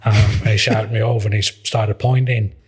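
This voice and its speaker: A husky-voiced man in his fifties with a Liverpool accent, telling a long personal story in a rambling, casual way. His low voice stays flat and even, circling back and restarting as he goes. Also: brisk. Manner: rambling, with many restarts and reported speech.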